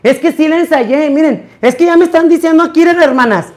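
A hoarse man hosting a rowdy live stream at an indoor party, cursing and exclaiming theatrically. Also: very high voice, a little fast. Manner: brash, profane, theatrical exclamations.

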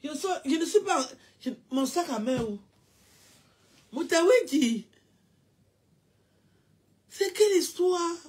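Mocking high-voiced woman. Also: animated, darkish tone. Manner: mocking, with drawn-out mock wailing and repeated sing-song cries. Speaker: commentator. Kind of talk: casual mocking rant.

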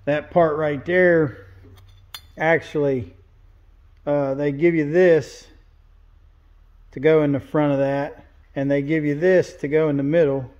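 A fairly high-pitched, slightly mellow male voice with a level tone takes its time, leaving long pauses. He's a welder and fabricator showing his work around a large indoor metal fabrication shop, pointing things out in a casual, plain-spoken manner. The audio sounds dull.

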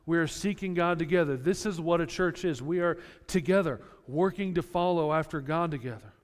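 A man's voice: fairly high pitch, fairly quick. A male pastor preaching a sermon, earnest and direct, explaining scripture with plain everyday examples. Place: church sanctuary. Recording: long church reverb.

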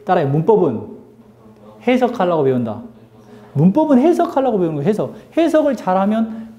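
A male English teacher giving a lively classroom grammar lesson, drilling students with call-and-response questions and teasing them. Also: fairly high pitch, echoey room.

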